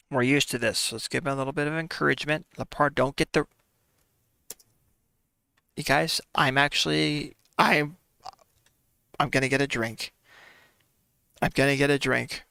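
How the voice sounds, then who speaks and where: A man's voice: medium pitch, steady tone, measured pace, creaky, pauses often, sharp tone, clean tone, dry recording. A man commenting casually on a football management game, chatting to viewers as "folks" and sighing and laughing through his frustration. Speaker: gaming commentator.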